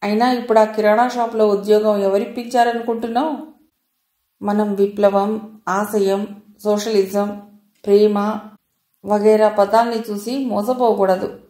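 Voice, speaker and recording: A woman voicing a sharp-tongued, cynical older woman who scolds and lectures in an audio novel. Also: medium pitch, level tone, measured pace, long pauses, echoey room, natural voice. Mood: lecturing.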